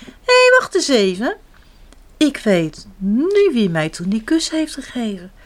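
Soft little storybook mouse, girlish and sweet, voice leaping up and down, unhurried, read aloud by a woman. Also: a little high. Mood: delighted. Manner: lively, rising storybook voice. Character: gentle little female mouse seeking a kiss. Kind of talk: reading a picture book aloud to children.

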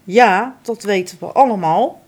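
A woman's voice: mid-range voice, unhurried, a little mellow, husky. A woman voicing a bold, cocky young female fawn in a storybook, speaking with confidence. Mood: knowing.

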